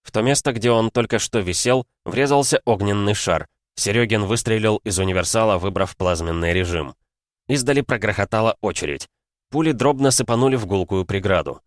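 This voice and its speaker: A male audiobook narrator with a lowish voice. His reading is steady and measured. The recording is dry, with the mic close. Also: dry recording. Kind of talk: audiobook narration of science fiction. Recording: dry close studio sound.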